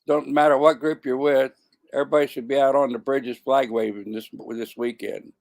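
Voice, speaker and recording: A man's voice: mid-range voice, fairly even intonation, moderate pace, gravelly, darkish tone. A man in his seventies talking to camera in a casual monologue, often stumbling, repeating words and correcting himself. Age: 70s. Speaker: vlogger.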